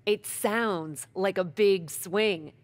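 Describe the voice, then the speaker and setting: An actress with a medium-pitched voice speaks very slowly in a video game cutscene. She plays a confident young female wrestling champion with a playful, persuasive way of talking.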